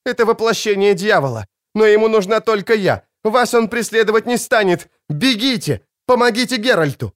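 A man's voice: animated, moderate pace, hardly any pauses. A man voicing Ciri, a fierce teenage girl. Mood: urgent. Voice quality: raised, strained girlish pitch. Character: defiant teenage girl, sharp-tongued fugitive. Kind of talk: audiobook character voice.

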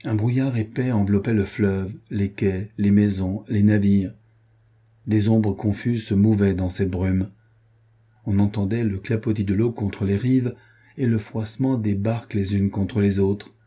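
A man reading a historical adventure novel aloud as an audiobook narrator, in an even, measured way. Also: lowish voice, husky. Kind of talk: scripted narration.

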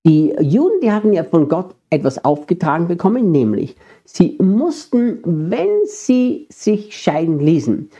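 A middle-aged Austrian preacher delivers a sermon in a husky, darkish voice that swings lively up and down. He speaks earnestly and straight to his listeners. The recording sounds dull and lo-fi. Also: high-pitched, unhurried. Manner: earnest, direct address to the congregation.

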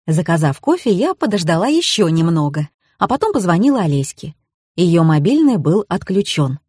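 Husky woman narrating an audiobook. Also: on the low side, very animated, moderate pace, darkish tone, dry recording, clean studio sound. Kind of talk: first-person audiobook narration.

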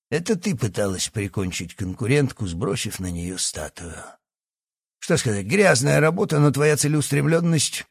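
A gravelly old villain doctor. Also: male voice, mid-range voice, dry recording, clean studio sound, exaggerated voice. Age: over 60. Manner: condescending, sly. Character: scheming old male doctor, secretly a villainous professor. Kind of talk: audiobook character acting.

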